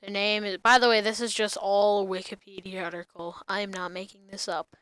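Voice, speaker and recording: Slow, monotone child reading facts aloud. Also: mid-range voice, smooth, no room sound. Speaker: host of a snail facts show. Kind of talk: reading an encyclopedia article aloud to viewers.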